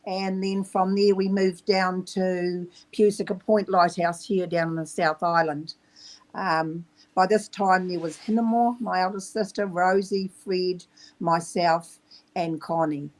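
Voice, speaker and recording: A woman's voice: fairly low pitch, steady tone, a little slow, poor audio. A middle-aged woman from New Zealand with a New Zealand accent, a podcast guest talking casually and hesitantly, with many ums. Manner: soft-spoken and hesitant, with frequent ums. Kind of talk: casual interview talk.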